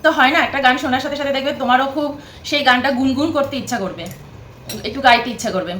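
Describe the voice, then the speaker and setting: A woman's voice: sits high, lively intonation, racing, a bit bright, echoey room, slight background noise. A woman vlogging at home from her bed, chatting casually to the camera, rambling and repeating herself.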